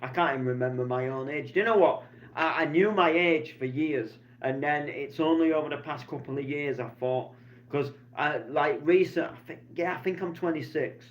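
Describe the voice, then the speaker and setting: In a weekend vlog, a DJ vlogger in his 20s rambles casually, chatty and meandering, with lots of fillers and restarts. His voice sits a little high and moves at a moderate pace, and the lo-fi recording sounds slightly dull.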